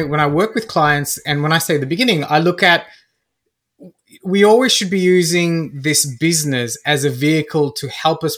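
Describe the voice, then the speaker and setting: Born in Fiji and now from Melbourne, Australia, this business coach of around forty answers a podcast interview's questions conversationally. He has an Australian accent, and his voice is on the high side with a fairly bright tone.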